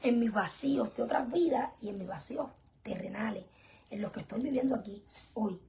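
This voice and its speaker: A young woman teaching an online religious class, earnest and emphatic, often dropping to soft whispered asides. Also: a little high, brisk, gravelly, a little hiss or hum. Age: young adult. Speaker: spiritual teacher.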